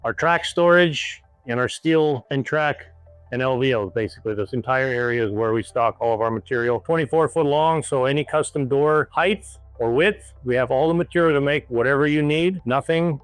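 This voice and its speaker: A man's voice: medium pitch, moderate pace, smooth, no room sound. A man with a mid-range voice walks listeners through a warehouse workshop as its foreman. His delivery is informal and explanatory, in plain everyday wording. Faint music plays behind him. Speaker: shop foreman giving a tour. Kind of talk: informal guided workshop tour presentation. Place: woodworking shop warehouse.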